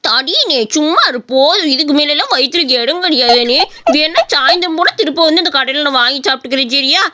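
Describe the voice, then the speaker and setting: High quick woman, mocking cartoon voice. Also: bright, forceful tone, slight background noise. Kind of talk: cartoon voice acting, teasing sidekick.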